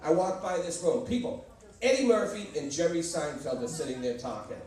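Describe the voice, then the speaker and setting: Pitch swinging widely in a high, fairly quick, somewhat mellow voice, a Boston-accented man delivers a stand-up routine of brash, punchy stories and crowd banter. The echoey club recording sounds far away, with laughter and noise from the audience.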